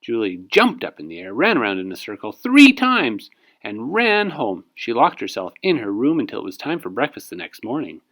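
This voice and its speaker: In an expressive read-aloud style, a man narrates a children's storybook. His voice is mid-range and his pace moderate.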